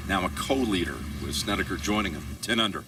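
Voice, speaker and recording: Male golf commentator calling live play, low-pitched, distant, very noisy outdoor ambience. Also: lively intonation, fast talker. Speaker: golf commentator, lead announcer.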